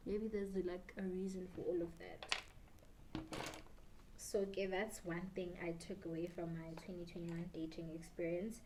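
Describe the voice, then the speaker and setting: A woman's voice: on the low side, flat delivery, normal speed, noisy background. A slightly tipsy South African woman in her twenties chatting casually and ramblingly while doing her makeup, switching between English and Zulu. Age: 20s. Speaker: beauty YouTuber. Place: small bedroom indoors.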